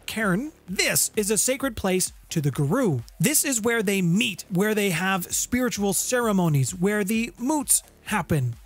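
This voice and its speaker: A middle-aged man hosts a scripted explainer for a tabletop gaming channel, delivering it theatrically and emphatically with dramatic pauses and a high-pitched, lively intonation. He's close on a studio condenser mic with a pop filter in a small home room with guitars on the walls, and background music plays.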